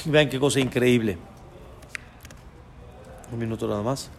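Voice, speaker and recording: A rabbi gives an earnest sermon on scripture and weaves in Hebrew terms. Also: male voice, medium pitch, unhurried, long reverb tail, slight background noise.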